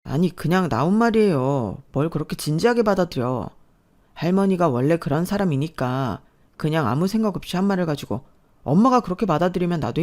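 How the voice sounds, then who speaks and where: A woman's voice: fairly low pitch, a little mellow, natural voice. A woman doing a sullen, grumbling husband. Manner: grumbling, dismissive. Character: sullen self-pitying young husband.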